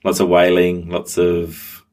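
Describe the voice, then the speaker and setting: Speaking slowly in a low, monotone and slightly mellow voice, this Australian pastor in middle age recounts his story for an interview. He falters often, filling gaps with ums and starting sentences over.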